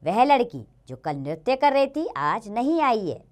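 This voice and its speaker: A woman teaching a grammar lesson to children in a slow, sing-song way. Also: on the high side, very animated.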